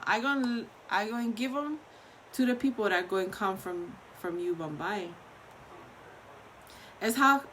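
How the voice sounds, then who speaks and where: Bright-voiced woman reading in Hawaiian Pidgin. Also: medium pitch, a little hiss or hum, low-quality recording. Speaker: host of a daily online Bible reading.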